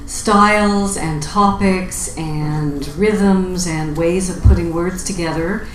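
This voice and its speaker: Female open mic host, slightly low voice, informal remarks, roomy live sound. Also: fairly even intonation, takes it slowly. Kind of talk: informal spoken remarks to an audience. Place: indoor open mic event room. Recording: roomy live recording with background noise.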